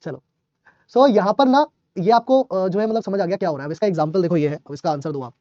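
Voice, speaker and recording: A man teaching a live online class, talking fast and chatty, joking while he scolds his students. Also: high voice, dark tone, no echo, highs cut off.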